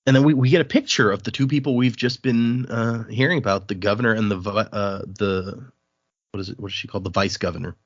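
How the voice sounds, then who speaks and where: A man on a podcast casually goes over a novel and reads parts of it aloud, speaking fast with fairly even intonation. His voice is on the low side, and the recording is dry with dull audio.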